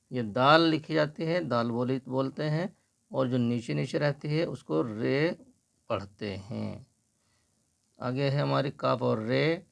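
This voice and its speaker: A man teaching a slow, patient Urdu writing lesson, explaining each stroke as he writes. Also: medium pitch, gravelly.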